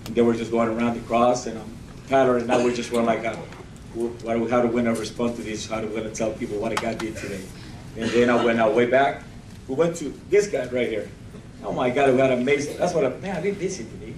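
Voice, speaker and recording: A man giving a halting testimony at a church meeting, restarting his sentences often. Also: mid-range voice, fairly even intonation, a little mellow, a little hiss or hum. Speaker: outreach volunteer reporting. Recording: echoey room, distant camera mic.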